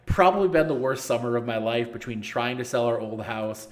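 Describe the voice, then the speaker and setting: A man's voice: medium pitch, animated, a little fast. Blunt joking man in his thirties. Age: 30s. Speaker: league organizer and streamer. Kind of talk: casual live-stream Q&A.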